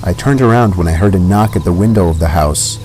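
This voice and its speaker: A man narrating a first-person horror story in a measured, unhurried way. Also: deep voice, loud music behind the voice, low-quality recording.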